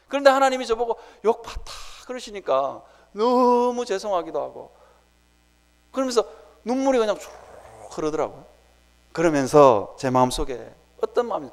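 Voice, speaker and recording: A man preaching a sermon in a church sanctuary, telling his story in an animated way and acting out his own prayers. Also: high voice. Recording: reverberant church hall.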